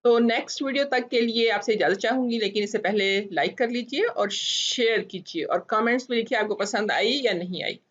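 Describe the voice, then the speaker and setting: A woman's voice: on the high side, dull audio. A woman teaching phonics, sounding out letters and stretching each word as she repeats it. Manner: drawn-out, repeated word pronunciations.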